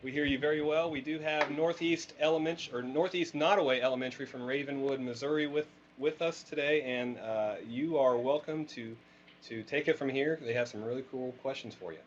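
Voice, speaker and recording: A man's voice: mid-range voice, brisk. Man over a distant comm link. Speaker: event moderator. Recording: muffled far-off link audio with light noise.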